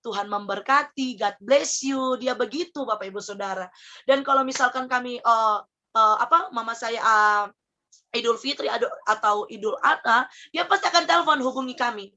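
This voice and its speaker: A young woman tells her personal testimony earnestly, her voice sitting a little high. She speaks in a plain, heartfelt way and often pauses on small fillers while she gathers her words. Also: pushed and bright. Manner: earnest storytelling with many fillers.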